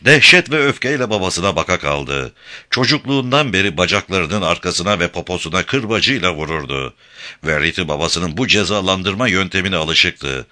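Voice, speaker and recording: A man reads an adventure audiobook in a measured, expressive way. His voice sits very low yet sounds sharply bright, and his pitch moves in lively swings. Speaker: audiobook narrator. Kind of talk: dramatic audiobook narration.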